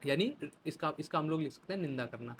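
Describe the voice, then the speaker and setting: A man's voice: a little high, expressive, fast talker. Man, a chatty exam-prep tutor with a slightly raised voice and faint background hiss. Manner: chatty, explains in Hindi with English terms and playful classroom examples. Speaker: English vocabulary teacher. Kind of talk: exam-prep vocabulary lesson.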